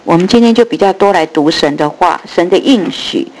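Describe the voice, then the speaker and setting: A preacher delivers an earnest sermon and Bible teaching, including prayer and scripture read aloud. His medium-pitched, darkish voice moves at a normal pace, and missing front dentures give his speech a slight lisp and leaking air. The recording is rough, with slight background noise.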